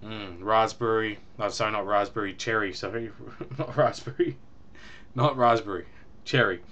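A man's voice: fairly low pitch, fairly even intonation, moderate pace, fairly bright tone. A young man casually reviewing a beer at home on a webcam, chatty and rambling with ums and small laughs. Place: small room at home, indoors.

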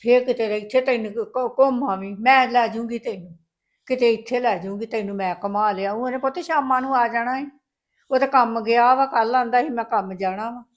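A woman's voice: a little high, fairly quick, close to an everyday voice. An older woman playing a doting grandmother who soothes her granddaughter and argues with her daughter-in-law. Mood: soothing. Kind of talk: family drama acting.

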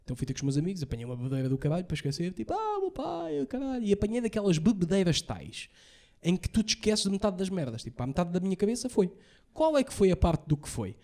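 A young man with a European Portuguese accent doing a stand-up set, telling profane stories rapid-fire and acting out the lines he quotes. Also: high-pitched, animated, darkish tone. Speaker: stand-up comedian. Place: comedy stage before a live audience.

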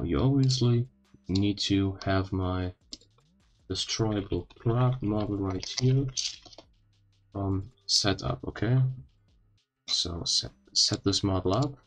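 A man with a lowish voice walks through a coding tutorial at a very slow pace. His phrasing is halting and his speech sounds slightly impeded, as after dental surgery. Faint music plays behind him. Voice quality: slightly odd, impeded speech after wisdom teeth removal. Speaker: tutorial host. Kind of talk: informal screen-recorded coding tutorial.

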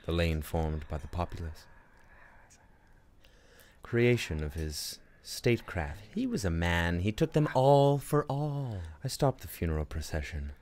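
A man's voice: low-pitched, animated, measured pace, darkish tone. A man playing a bitter, tormented young prince Hamlet in a theatrical, brooding radio-play monologue that slips between whispers and outbursts. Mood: bitter, grim. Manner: brooding, dramatic, sardonic, slipping into whispers and outbursts. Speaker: performer in a student radio play. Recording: noisy amateur recording with ambient effects.

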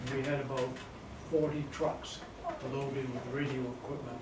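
A man's voice: medium pitch, level tone, moderate pace. An older man, a veteran guest speaker, reminiscing in a wry, plain-spoken way. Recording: echoey hall, distant mic, noise.

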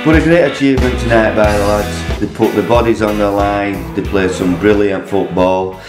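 Very deep-voiced club secretary. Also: male voice, fairly even intonation, moderate pace, echoey room, music in the background. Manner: upbeat, plain-spoken. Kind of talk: post-match interview. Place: football stadium.

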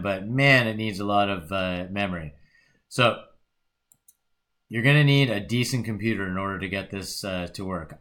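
Low-voiced man giving a casual software walkthrough. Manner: rambling, self-correcting, relaxed. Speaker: instructor. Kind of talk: casual screen-recorded tutorial.

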